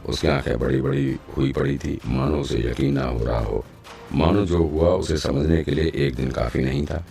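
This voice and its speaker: A man's voice: extremely low pitch, animated, moderate pace, gravelly, mellow, soft background music. A man narrating a story recap in a dramatic way with teasing asides.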